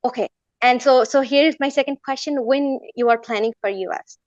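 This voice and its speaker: A woman's voice: sits high, moderate pace, a little mellow, no room sound, lo-fi sound. A woman in her forties from Bangladesh, asking questions on a video call in a hesitant way with many fillers. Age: 40s.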